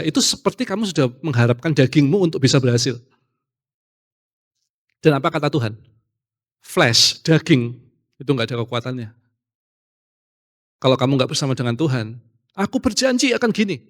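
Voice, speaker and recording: A man preaching a casual youth sermon, animated, acting out quoted voices and slipping in English phrases. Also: medium pitch.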